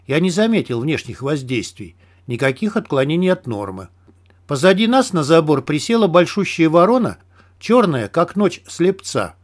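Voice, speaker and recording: A man reads a first-person audiobook in a steady, even storytelling manner. His voice sits fairly high for a man. This is scripted narration read at an unhurried pace.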